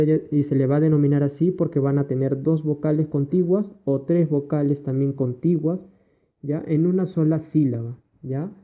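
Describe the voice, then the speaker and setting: Man, Peruvian Spanish accent, primary school teacher, slide lesson, patient step-by-step explaining, frequent check-ins, a bit high-pitched, narrow tinny audio. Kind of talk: recorded online lesson over slides.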